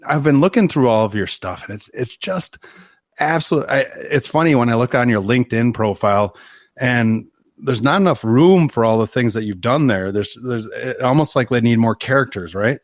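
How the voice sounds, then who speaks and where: A man's voice: medium pitch, animated, normal speed, dry recording, clean studio sound. A man hosting an interview podcast, talking casually and eagerly with lots of repeated words and restarts. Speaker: podcast host, firefighter.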